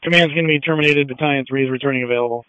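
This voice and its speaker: Bright, forceful fire officer on radio. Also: male voice, mid-range voice, steady tone, very fast, clean tone, no room sound, lo-fi sound. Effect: two-way radio. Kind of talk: working radio traffic.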